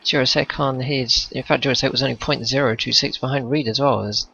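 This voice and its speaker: A man giving live racing commentary over voice chat. His voice comes through robotic and metallic as the connection breaks up, and he talks in a brisk, analytical way, correcting himself as he goes. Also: mid-range voice, steady tone, creaky. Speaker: race commentator. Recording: lo-fi voice chat with loud noise.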